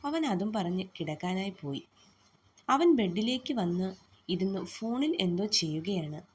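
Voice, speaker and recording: A woman narrating a romantic story and softly reading both lovers' lines herself. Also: mid-range voice, expressive, unhurried, breathy edge.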